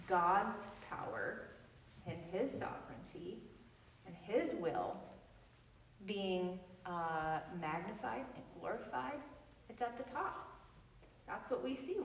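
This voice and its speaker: A woman leading a Bible study in a casual, chatty way, full of loose asides and quick laughs. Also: mid-range voice, reverberant, in a large hall, recorded from a distance, slight background noise, low-quality recording.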